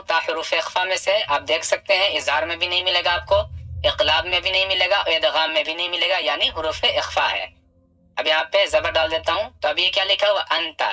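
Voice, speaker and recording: A man teaching Quran reading step by step. He talks patiently, draws out key sounds slowly, and asks and answers his own questions. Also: a little high, sharp tone, poor audio. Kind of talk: step-by-step recitation lesson.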